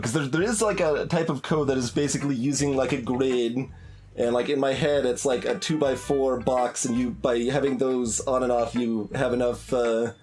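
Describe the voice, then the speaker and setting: A game streamer provides casual live commentary over his playthrough, with game music and guitar in the background. His medium-pitched voice is slightly mellow, and he sounds hesitant, thinking out loud as he goes.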